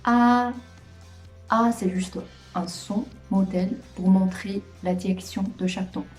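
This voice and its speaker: A woman giving a patient, clear video lesson, stretching out example sounds as she explains. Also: mid-range voice, fairly even intonation, moderate pace, darkish tone, soft background music. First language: Mandarin Chinese. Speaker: Chinese language teacher.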